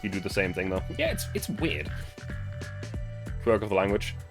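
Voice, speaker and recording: A German-accented man streams a story game, reading its text and breaking off to chat. His delivery is animated, with lots of pitch movement. Faint music plays underneath. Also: normal speed. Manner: chatty, self-interrupting, laughs.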